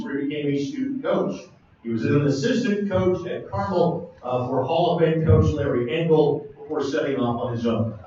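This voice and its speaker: A man in his forties acting as banquet emcee, introducing an inductee and reading his credentials in steady lists. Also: a little high. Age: 40s. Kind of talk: formal introduction speech. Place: large banquet hall. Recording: echoey hall, distant muffled mic, faint noise.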